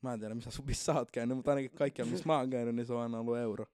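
A young man co-hosting a casual podcast, animated and quick to argue and laugh. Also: mid-range voice, clear, resonant tone, no room sound, clean studio sound. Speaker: podcast co-host.

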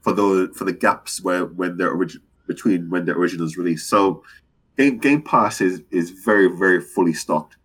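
A man with a deep, slightly rough, fairly bright voice co-hosts a casual gaming podcast at a normal speed. He rambles and analyzes as he works through his points, correcting himself and restarting often.

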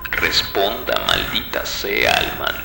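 Threatening commander, low and gravelly, roomy echo, music bed. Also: male voice, huge pitch swings, takes it slowly, sharp tone, exaggerated voice. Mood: angry demanding. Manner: barking demands, swearing. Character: stern authoritarian male commander, impatient and threatening.

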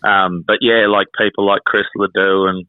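A man's voice: sits low, level tone, normal speed, dry recording. A man in his twenties with a rural Queensland Australian accent, chatting plainly and laconically as an interview guest. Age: 20s. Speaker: country singer and rodeo cowboy, interview guest. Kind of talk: casual interview chat. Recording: muffled, roughly phone-like line, dry.

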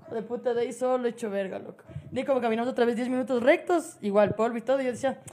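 High-pitched Ecuadorian woman podcast host, lively swearing storyteller, casual talk. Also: racing, slight background noise. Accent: Ecuadorian Spanish. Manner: animated, swearing, laughing storyteller.

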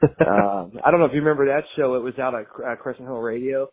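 A man's voice: mid-range voice, fast, dry recording. A man who is a musician guest on a casual interview podcast, giving short answers and chuckling often. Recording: tinny phone-like dry sound.

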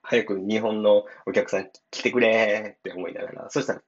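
A man with a Kansai accent chats alone on his podcast in a lowish voice that still sounds half awake. He rambles, apologizes and chuckles, and the recording comes through slightly muffled. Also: fairly even intonation, fairly quick. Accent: Kansai Japanese. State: voice not fully awake, low and subdued. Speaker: podcast host and shop owner. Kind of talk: casual solo podcast chat.

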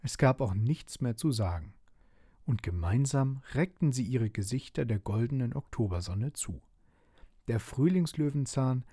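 A man reading a bedtime story aloud in a gentle, expressive way. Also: mid-range voice, breathy edge, dry recording, clean studio sound.

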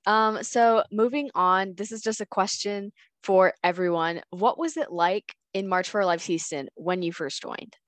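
A woman's voice: mid-range voice, unhurried, few pauses, no echo. A young woman hosting a podcast in a casual, chatty way. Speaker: podcast host.

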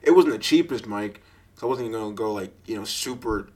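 A fast-talking young host with a deep voice rambles cheerfully through stories on his casual one-man podcast. Fillers and laughter pepper his speech, captured by a budget microphone with a sock serving as a pop filter.

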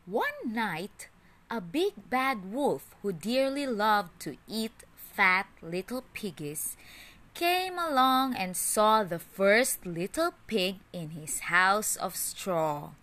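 Slow, lively woman storyteller. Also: medium pitch. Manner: slow, expressive, sing-song storytelling. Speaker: storyteller and channel host. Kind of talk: children's story narration.

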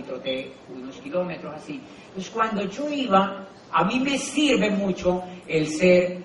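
Colombian male speaker, lively anecdote teller, a bit high-voiced, recorded far off in a roomy hall with faint ambience. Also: background noise. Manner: animated storyteller who acts out dialogue. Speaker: business motivational speaker. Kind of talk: live talk to an audience with anecdotes. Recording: echoey hall, distant mic, faint ambience.

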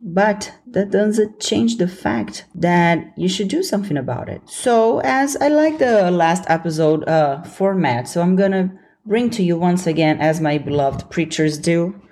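On the low side and a little mellow, this Brazilian-accented voice belongs to a young adult woman from Brazil hosting a solo motivational podcast. She comes across as earnest and encouraging, laughing freely.

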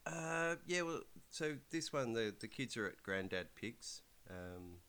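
A man's voice: mid-range voice, sing-song, unhurried, fairly bright tone. An Australian man co-hosting a podcast in casual, conversational chat. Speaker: podcast co-host.

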